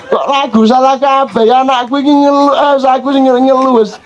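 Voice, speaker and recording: Animated high-voiced man with Javanese accent. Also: moderate pace, muffled recording, a faint crowd. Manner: animated storytelling, mixing in Javanese words; jokes and mimics others. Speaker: speaker addressing an audience. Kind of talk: informal religious-cultural talk.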